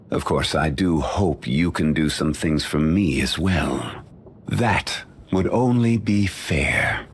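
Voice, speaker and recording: In a video game, an actor voices a dignified, ancient, learned man, speaking in a measured, formal, and courteous manner. The low voice has a fairly bright tone and is heavily acted.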